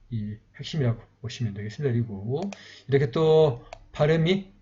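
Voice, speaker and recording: A man teaching how to write an old script, explaining calmly step by step with frequent fillers. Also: mid-range voice, muffled recording, a little hiss or hum. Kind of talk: recorded writing lesson.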